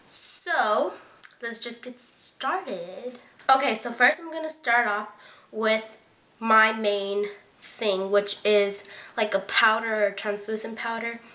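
A teenage beauty vlogger with a fairly high, sharp voice rambles casually to her webcam about beauty products, full of "like" and "um." She mentions her voice sounds odd to her today. The webcam is close, but her small bedroom adds a roomy echo.

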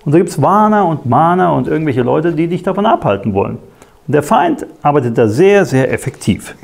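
Male preacher, conversational sermon, slightly high voice, animated intonation. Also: fairly quick, gravelly. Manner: conversational, addressing the listener with tag questions.

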